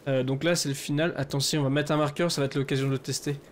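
A man commentating his solo survival game, chatty and rambling with many fillers, often breaking into excited shouts. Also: mid-range voice, racing, a little hiss or hum. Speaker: gaming YouTuber.

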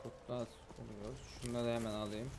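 A young man chatting through a fantasy game, relaxed one moment and shouting at enemies the next. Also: mid-range voice, normal speed, creaky, background noise. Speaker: gameplay streamer. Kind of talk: casual gameplay commentary.

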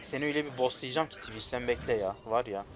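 A young man commentating his own gameplay, excitable and quick to frustration, shouting at his teammates. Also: medium pitch. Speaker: gamer streaming gameplay. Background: game music.

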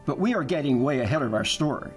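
A man giving calm, measured scripted narration for a church history documentary. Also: medium pitch, soft background music.

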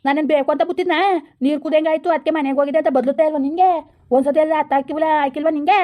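A woman's voice: high voice, steady tone, racing, muffled recording, lightly acted. A woman playing a young village man in a comedy skit, pleading and talking back to a scolding elder. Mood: defensive. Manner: pleading, defensive back-talk. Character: sheepish young village man with stray cow.

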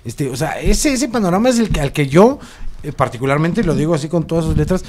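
Man, Mexican Spanish accent, radio host, fairly high voice, playful interjections, studio mic. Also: warm tone. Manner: quick interjections, playful quips. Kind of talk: casual panel discussion. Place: radio studio panel table. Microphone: studio mic with headphones.

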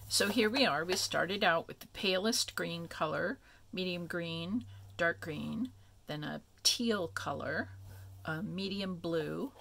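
Slow, gravelly woman teaching a craft. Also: low voice, slight background noise. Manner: relaxed, chatty, many ums and asides. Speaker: craft video host. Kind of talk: casual craft tutorial.

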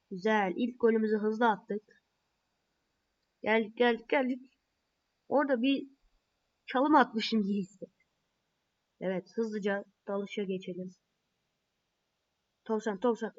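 A woman playing a mobile football game, calling her own plays and reacting with excited and frustrated outbursts. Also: medium pitch, lo-fi sound, slight background noise.

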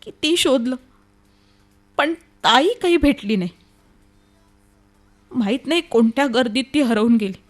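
An actress in an old-style radio play as an anguished young woman grieving for her sister, speaking in an emotional, halting, dramatic way. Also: sits high, soft background music. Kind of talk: radio play acting, old radio show manner.

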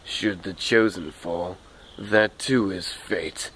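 Man doing a slow haughty nobleman, impression voice. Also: sits low, a bit bright, slight background noise, pitched below the performer's own voice, low-quality recording. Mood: cold, solemn. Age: young adult. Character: cold, solemn, haughty nobleman. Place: outdoors among trees.

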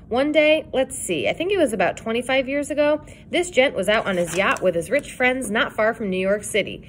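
A woman voicing a boastful middle-aged man who runs a diner, telling a tale in a lively, dismissive way. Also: a little high, a little hiss or hum, lightly acted.

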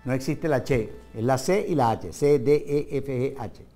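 A man's voice: medium pitch, dark tone, faint music behind. A man with a Venezuelan accent hosting a comic TV talk show, reading word trivia in a playful, teasing way. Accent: Venezuelan Spanish. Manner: playful and teasing, jumps between fast asides and slow stressed words. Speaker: TV show host.

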